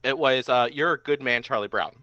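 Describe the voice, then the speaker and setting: A man's voice: mid-range voice, brisk, pushed and bright, no echo. A young man, a podcast guest, reminiscing casually and filling his talk with "like". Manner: reminiscing, lots of "like" fillers. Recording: dry, slightly dull podcast mic.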